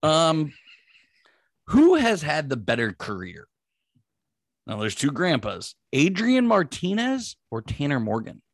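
A man's voice: a little high, huge pitch swings, takes it slowly, gravelly, long pauses, no echo, studio quality. A man co-hosting a sports podcast, casually asking quiz-style questions in an upbeat way.

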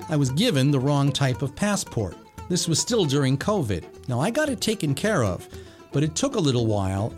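A middle-aged man hosting a podcast, reading a measured, emphatic introduction and then chatting with his guest. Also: medium pitch. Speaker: podcast host. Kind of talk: scripted intro then conversational interview.

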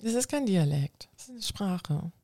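This guest, a coach and civil servant from North Frisia in northern Germany who grew up speaking Low German, answers interview questions casually in an earnest, gravelly voice. Medium-pitched, warm and animated at a moderate pace, she explains things at length and restarts along the way, on a dry recording.

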